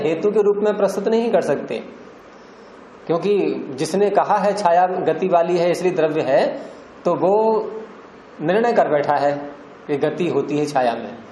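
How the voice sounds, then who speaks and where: A man's voice: high voice, warm tone. An older man teaching a classroom lecture, explaining step by step and quizzing his students. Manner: questioning students, drawn-out explanations. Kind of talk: classroom lecture on Indian philosophy and grammar. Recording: echoey classroom with faint background noise.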